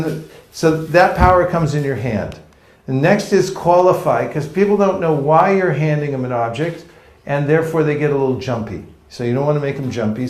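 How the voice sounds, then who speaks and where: In an echoey room, a California man delivers a jokey, playful book distribution seminar to a live crowd, acting out street encounters. His voice is mid-range with a darkish tone.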